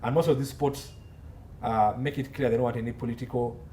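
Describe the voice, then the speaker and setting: This guest, an entertainment law consultant with a Ugandan accent, speaks briskly in a mid-range, mellow voice with a steady tone. Throughout the interview he repeats phrases to stress them; the mic is far off and faint background noise remains.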